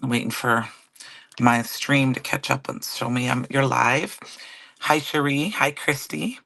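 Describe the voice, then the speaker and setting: A woman with a cold and a raspy, hoarse voice, chatting casually as she hosts a live card-making demo and greets viewers by name. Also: a bass voice, unhurried, fairly bright tone, no room sound. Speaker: card-making livestream host.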